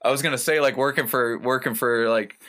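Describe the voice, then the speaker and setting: A man's voice: mid-range voice, a little fast, bright, forceful tone. A man in his twenties from Ohio, a guest telling stories casually and rambling, full of "like" and "you know". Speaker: guest, professional wrestler. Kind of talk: casual storytelling.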